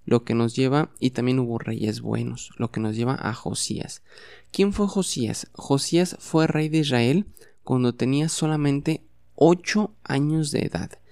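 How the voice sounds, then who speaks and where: A man hosts a bilingual podcast lesson at an unhurried pace, his voice dark and mellow. He patiently repeats each word for the listener to echo. The sound is dry and close. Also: medium pitch, creaky. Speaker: English teacher and podcast host.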